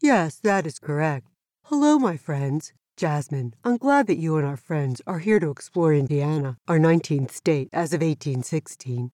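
A woman voicing a smart, patient tortoise who explains things precisely and in a measured way for a children's educational show. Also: sits low, expressive, dark tone, no echo, clean studio sound. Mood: helpful, instructive. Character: super smart tortoise, patient, knowledgeable and friendly. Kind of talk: scripted educational dialogue for children.

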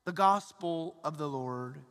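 A man's voice: on the high side, fairly bright tone. Man proclaiming in a cathedral echo. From Atlanta, Georgia, USA. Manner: slow, deliberate proclaiming. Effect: cathedral echo, long reverb. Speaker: priest. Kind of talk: Gospel reading at Christmas Mass. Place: large church. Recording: echoey church hall reverb.

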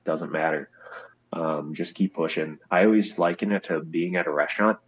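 A man's voice: deep voice, fairly even intonation, normal speed, slight background noise. A man, a singer-songwriter guest, chatting casually in an interview and telling stories where he acts out the people he quotes. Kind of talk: casual podcast interview chat.

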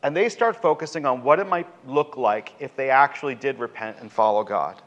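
A man preaching a sermon in an animated way, swinging between loud and quiet. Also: medium pitch, fairly quick, lo-fi sound. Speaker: pastor.

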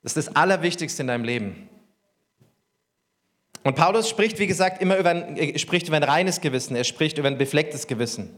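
A man's voice: on the high side, lively intonation, fairly quick, a bit bright. A man preaching a sermon as pastor, talking conversationally and asking the congregation questions.

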